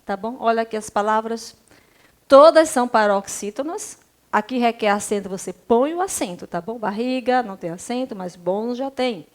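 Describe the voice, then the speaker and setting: Patient Brazilian woman teaching grammar. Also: a little high. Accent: Brazilian Portuguese. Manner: patient, asks rhetorical check questions constantly. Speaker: primary school teacher. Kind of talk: recorded remote grammar lesson.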